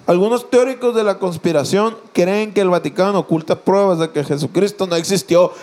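A man's voice: sits high, a little fast, background noise. A man with a Mexican accent, making wry quips in casual, crude banter as a podcast co-host. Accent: Mexican Spanish.

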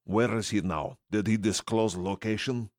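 A woman's voice: rumbling low, moderate pace, darkish tone, pitched below the performer's own voice. Lady faking a russian vampire killer dude, blunt broken english, menacing. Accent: put-on Russian. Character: gruff male Russian vampire slayer, blunt.

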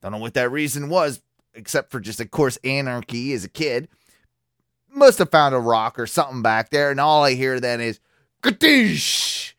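A man's voice: mid-range voice, normal speed, smooth, dry recording, clean studio sound. A man hosting a radio show, telling a profane, rambling story in casual chat.

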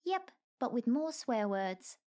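A woman's voice: on the high side, sing-song, slow pace, a little mellow, voice pushed up. A woman voicing a small, cheeky female winged animal companion who trades dry quips in a raised, perky voice.

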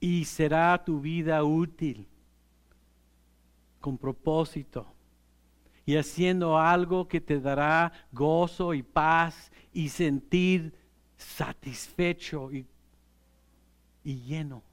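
Slow chatty sermon from a middle-aged pastor guy, smooth and kinda high. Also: steady tone. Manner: unhurried, conversational preaching with light laughs.

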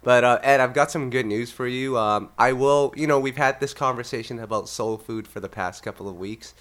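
This Canadian podcast host has a mid-range, slightly bright voice and a brisk delivery. He's congested and a little nasal from being sick, yet stays easygoing and laughs often in casual chat.

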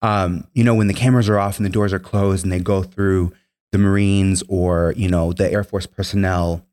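A young former military member, a native Spanish speaker, tells his story as an interview guest in an earnest, meandering way packed with "um" and "you know." His deep voice holds a level, darkish tone at normal speed.

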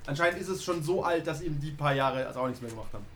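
A man running a tabletop game as game master, giving brisk, joking rulings. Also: a little high, fairly bright tone.

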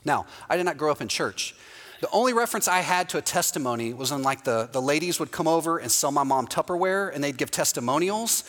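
A man's voice: on the high side, lively intonation, fast talker, a bit bright. A man from Texas preaching a sermon as pastor, telling a story and often asking the congregation "right?". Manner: storytelling with quoted voices, often asks the audience "right?". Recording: long hall reverb.

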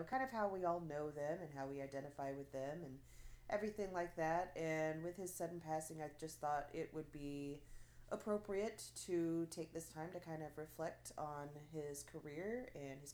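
A low-pitched, darkish female voice belongs to a casual podcast co-host who sounds congested from allergies. She talks chattily with many fillers and restarts, punctuated by frequent little laughs.

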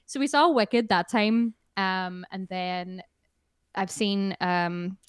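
A woman's voice: mid-range voice, fairly even intonation, takes it slowly, clean tone, dry recording. Irish woman, musician guest, chatty and rambling, dry close mic. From Ireland. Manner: chatty, rambling, many fillers and laughs. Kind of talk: casual interview chat.

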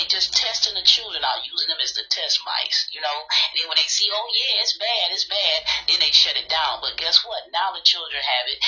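A woman's voice: low voice, pushed and bright, highs cut off. A woman hosting a casual call-in talk show, emphatic and repeating herself. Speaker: host.

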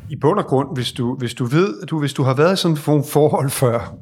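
A Danish leadership advisor, speaking with a slightly high, breathy-edged voice, gives conversational advice in an interview. He explains at length, reflectively, often restarting his sentences.

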